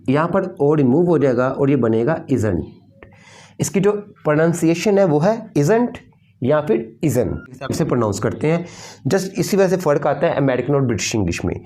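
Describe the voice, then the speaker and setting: A man teaching an English grammar lesson, explaining patiently and repeating key points. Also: on the high side.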